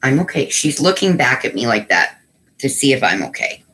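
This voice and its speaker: A chatty woman with a low voice hosts a relaxed craft livestream from home. She talks easily with viewers and lapses into doting baby talk with her pets. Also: normal speed, slightly rough. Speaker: craft channel host. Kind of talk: casual livestream chat.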